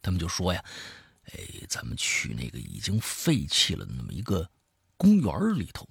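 Gravelly husky man telling a spooky tale. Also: low-pitched, huge pitch swings, moderate pace, no echo, clean studio sound. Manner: dramatic storyteller, swinging between hushed and loud. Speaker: host reading a listener's story. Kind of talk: storytelling in first person.

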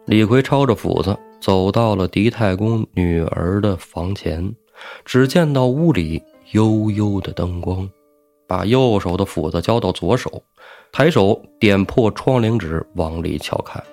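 A man hosting a storytelling show, narrating in a lively, colloquial way with asides to the listener. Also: lowish voice. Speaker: storyteller host.

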